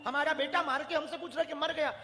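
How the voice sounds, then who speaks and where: A man's voice: very high voice, fairly even intonation, fast, bright, forceful tone, long reverb tail, pitched above the performer's own voice, full character voice. A man voicing an angry, proud demon king inside a devotional story, barking questions and demands. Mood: furious.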